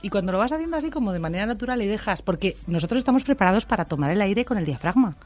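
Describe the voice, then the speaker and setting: A woman from Spain, a speech therapist, calmly explaining breathing and voice use in a radio interview. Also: mid-range voice, very fast. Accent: Spain Spanish. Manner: calm, explanatory, many tag questions.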